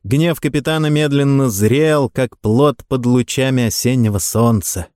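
Male audiobook narrator, expressive and wry, dry close sound. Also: medium pitch, unhurried, no room sound.

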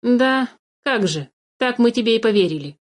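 A woman's voice: medium pitch, normal speed, a little mellow, lightly acted. A woman voicing a bold boy changeling who speaks bluntly and wryly, in a storybook reading.

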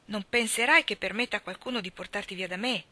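A woman voicing a young male sailor, passionate and possessive, crying out loudly in a story reading. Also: mid-range voice, fast talker. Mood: urgent. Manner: loud impassioned cries.

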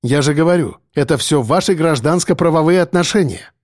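A man's voice: on the high side, brisk, darkish tone, no echo, clean studio sound, close to an everyday voice. A man voicing a lazy, dismissive male police desk officer. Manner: dismissive, grumbling.

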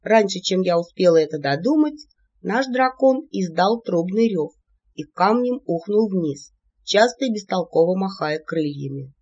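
An audiobook narrator telling a fantasy story in a lively, playful storytelling manner. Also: medium pitch, measured pace, slightly rough. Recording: dull lo-fi audiobook recording.

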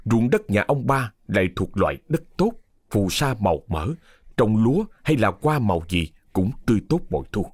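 A man narrating a ghost story in a dramatic, expressive storytelling manner. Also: lowish voice, moderate pace, no echo, clean studio sound. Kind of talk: scripted horror story narration.

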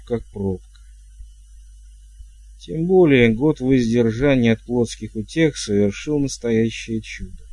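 A male narrator tells a comic fantasy story in a wry, even manner. His voice is dark and mellow. It is recorded close and dry, with a medium pitch for a man. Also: no room sound. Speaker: audiobook narrator. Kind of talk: scripted narration.

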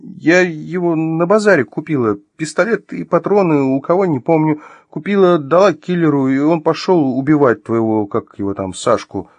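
A man's voice: high voice, lively intonation, a little slow, breathy edge, dry recording, muffled recording, voice pushed up, heavily acted. A man voicing a terrified young woman, an ex-wife who pleads shrilly through tears, in an audiobook. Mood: frantic.

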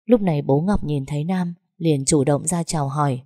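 A woman narrating a story in a calm, even storytelling manner. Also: sits low, moderate pace, no echo, clean studio sound. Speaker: audiobook narrator.

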